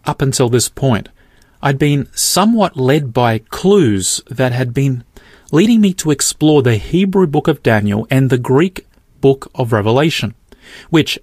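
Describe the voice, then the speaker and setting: A middle-aged man reads his podcast narration in a measured, earnest way. His voice sits at an ordinary pitch. It is recorded dry and close, with no room sound. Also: a little mellow, no echo. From Australia. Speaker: podcast host. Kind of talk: scripted narration.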